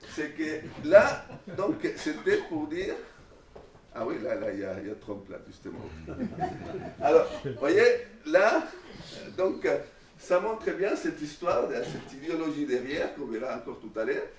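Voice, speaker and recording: A man giving an informal classroom lecture, animated, with many restarts and fillers. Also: a little high, a little slow, noisy background. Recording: echoey room, mic far away.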